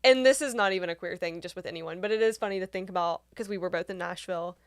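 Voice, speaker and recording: A woman's voice: fairly low pitch, fast talker, smooth, dry recording. A young woman in casual, playful podcast chat with her co-host, who laughs often.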